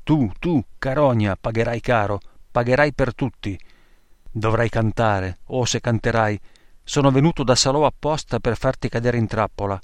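A man voicing a brutal fascist policeman who shouts threats, within a read-aloud memoir. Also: medium pitch, moderate pace, no echo, natural voice. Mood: raging. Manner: yelling, threatening.

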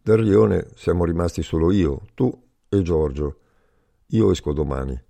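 A man reads out a young jailed friend who talks plainly and likes a little teasing. The voice is low and mellow. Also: expressive, unhurried, gravelly, full character voice. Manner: light, teasing, frank. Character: young male prisoner friend, joking and candid.

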